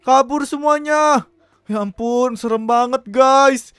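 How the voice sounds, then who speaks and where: A man narrating a role-play game in a panicky, excitable way, constantly talking to his viewers. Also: extremely high pitch, takes it slowly, smooth, no echo, studio quality. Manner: excitable, keeps addressing viewers as guys.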